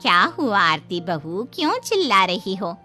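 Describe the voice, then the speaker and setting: A woman's voice: medium pitch, very animated, unhurried, pushed and bright, soft background music. A woman voicing an indulgent older mother-in-law who speaks in a motherly, coaxing way in a cartoon story.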